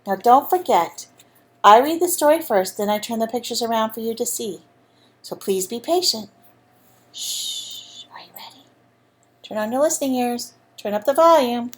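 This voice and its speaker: A woman reads a picture book aloud to young children. She is friendly and expressive, with a slightly high voice that moves up and down a lot. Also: normal speed. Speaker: storyteller for children.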